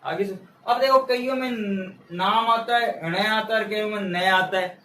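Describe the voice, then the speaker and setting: A man's voice: high voice, fairly bright tone, slight background noise. Male tutor, exam-prep lesson at a board, repeats key words, echoey room. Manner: asks questions and answers them himself, repeats key words; patient, step-by-step explaining. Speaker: teacher. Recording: echoey room, mic far off.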